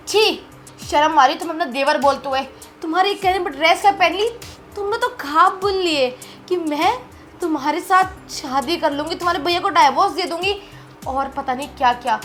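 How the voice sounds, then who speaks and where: A woman's voice: high-pitched, moderate pace, faint music behind, close to an everyday voice. A young woman playing a lonely wife who scolds with indignation in a melodramatic short film. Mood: angry.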